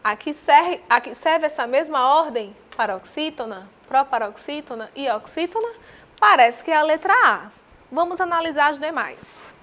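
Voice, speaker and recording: A woman with a Brazilian accent teaching Portuguese, walking through exam answers with rhetorical questions and slow repetition of terms. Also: high voice, lively intonation, a bit bright. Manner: didactic, asks the viewer rhetorical questions; spells out terms slowly and repeats them.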